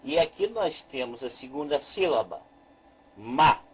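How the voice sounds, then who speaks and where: Slow, husky man teaching a lesson. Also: on the high side, expressive, low-quality recording. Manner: slow and deliberate, repeating each point. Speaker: Hebrew teacher.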